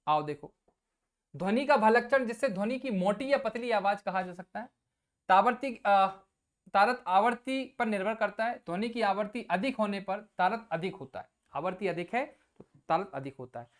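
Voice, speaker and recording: A woman's voice: medium pitch, animated, moderate pace. A woman teacher giving an exam coaching lecture, casually explaining with everyday examples and asking the class questions she answers herself.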